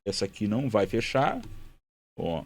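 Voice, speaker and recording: A man's voice: lowish voice, wildly swooping pitch, normal speed, breathy edge. Male teacher, patient board walkthrough, repeats key words, checks in often. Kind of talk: explaining grammar exercises at a board.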